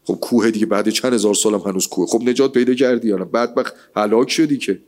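A man giving a lively, colloquial sermon, asking rhetorical questions and reciting scripture. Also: lowish voice. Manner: rhetorical, animated, quotes scripture. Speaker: religious speaker.

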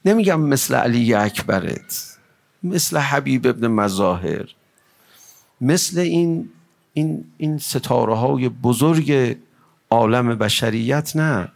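A man's voice: mid-range voice, lively intonation, gravelly. A man giving an emotional religious mourning recitation to a gathering, pleading and impassioned, at times rising into a chant.

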